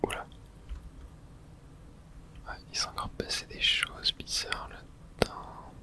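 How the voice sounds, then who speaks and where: Slowly and in a hushed, breathy whisper with no voicing, a man narrates a video game ASMR-style, musing aloud in short bursts.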